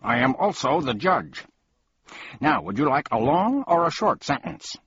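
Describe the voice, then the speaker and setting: A man's voice: fairly high pitch, very animated, a little slow, highs cut off, noisy background, pitched above the performer's own voice. A man voicing a tiny, fierce male policeman who barks out accusations in an officious, pompous way.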